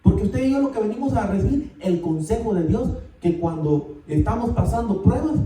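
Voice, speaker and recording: A man preaching a sermon, animated and calling out to the congregation often. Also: sits high, normal speed. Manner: animated, calls out "hermano" often. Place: church sanctuary. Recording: echoey church from far off.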